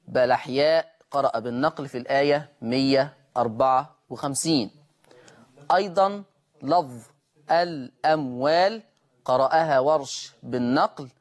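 A man with an Egyptian Arabic accent who hosts a Quran recitation lesson, opening with slow chanted verse and then explaining recitation rules in brisk talk. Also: medium pitch.

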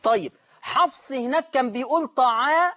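A man with an Egyptian accent teaching Quran recitation on a call-in lesson, repeating each word slowly and stretching out the recited forms. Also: very high-pitched, fairly bright tone, highs cut off. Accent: Egyptian Arabic.

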